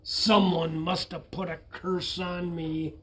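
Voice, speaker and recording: A man's voice: high voice, flat delivery, slow, a bit bright. Man reading as a blustery old sea dog captain from a picture book. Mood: grumbling. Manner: hearty nautical bluster. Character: gruff old male sea captain, a grumbling old salt.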